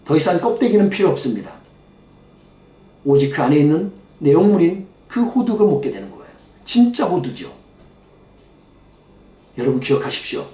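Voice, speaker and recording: A man's voice: on the high side, very animated, moderate pace, long pauses, dark tone. A man preaching a sermon as pastor, pleading and emotional, addressing his congregation directly. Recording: echoey church hall, mic off at a distance.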